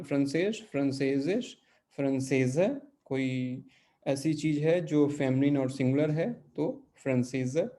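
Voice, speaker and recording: A man's voice: fairly high pitch, dark tone. A man teaching a language class online, explaining grammar patiently and checking often that his students follow.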